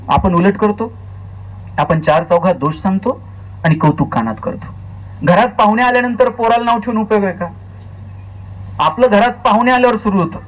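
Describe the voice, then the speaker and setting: A man speaking lecture style to an audience, telling humorous stories and acting out the dialogue in changing voices. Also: poor audio. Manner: storytelling, acts out quoted dialogue with shifting pitch. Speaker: public speaker. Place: stage at a lecture series before an audience.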